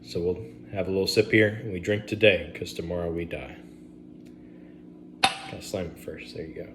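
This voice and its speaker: A man's voice: sits low, fairly even intonation, moderate pace, noisy background. A man, casually reviewing bourbons on camera at home, rambling with fillers and asides.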